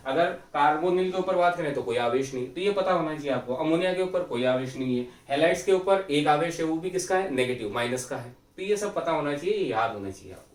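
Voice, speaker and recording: Higher-pitched male teacher in an echoey room. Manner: asks questions and answers them himself, repeats key terms. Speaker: chemistry teacher. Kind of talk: classroom lecture. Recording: echoey room, mic far off.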